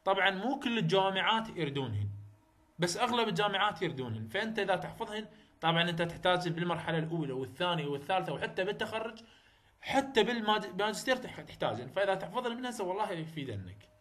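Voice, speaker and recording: A man's voice: sits high, sing-song, very fast, fairly bright tone. A man with an Iraqi Arabic accent giving a university phonetics lecture, often repeating terms and checking that students follow. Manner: repetitive, checks understanding, mixes English terms into Arabic.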